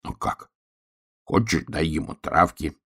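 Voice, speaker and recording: A man's voice: extremely low pitch, a little slow, gravelly, a bit bright, exaggerated voice. A man voicing an impulsive young bear cub who talks in short, blunt, bossy bursts. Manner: blunt, brusque, mumbling. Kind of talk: audiobook character voice.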